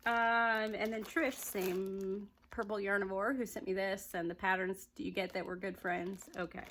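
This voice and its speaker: This Southern-accented woman keeps her yarn vlog light and chatty, laughing often as she rambles. Her mid-range voice is fairly bright, moves little in pitch, and runs at a normal speed, on a low-quality recording with slight background noise.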